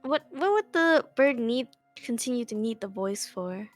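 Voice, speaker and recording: A woman's voice: fairly high pitch, lively intonation, a little slow, soft background music. A woman chatting casually as a player in a tabletop role-playing game.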